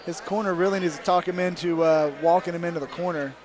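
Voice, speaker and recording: A man's voice: a little high, steady tone, quick pace. A man calling a live mixed martial arts bout as commentator in a casual, conversational style. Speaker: fight commentator. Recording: noisy arena with crowd. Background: crowd noise.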